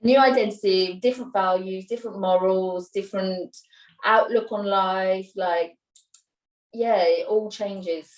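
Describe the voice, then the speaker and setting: A woman's voice: mid-range voice, steady tone, a little slow, far from the mic. A Welsh woman in her thirties, a mother talking in a casual interview, chatty and rambling with many fillers and restarts. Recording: roomy sound, voice a little off-mic.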